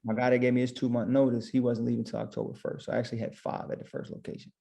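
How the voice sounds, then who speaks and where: A man's voice: mid-range voice, level tone, very fast, vocal fry, dark tone. A man who owns barbershops, guest on a podcast, telling his story casually and retelling his own thoughts as quotes.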